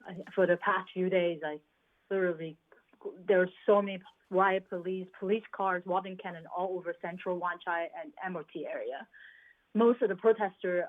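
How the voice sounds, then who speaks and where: A woman's voice: on the low side, fairly even intonation, brisk. A woman from Hong Kong, a venture investor, answering news interview questions thoughtfully over a remote video link, with restarts and fillers. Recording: tinny remote call line.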